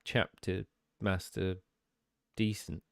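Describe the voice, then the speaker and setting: Co-hosting a podcast, a man trades casual banter full of dry, teasing humor and frequent swearing. He talks slowly in a low, level voice that is creaky and a bit bright.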